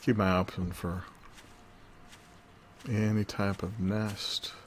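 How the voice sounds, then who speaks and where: A man with a low-pitched voice talks through a survival game as he plays. He rambles loosely and cracks jokes to himself between moves. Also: flat delivery, slow, a little hiss or hum. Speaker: gaming video host. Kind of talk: let's-play commentary.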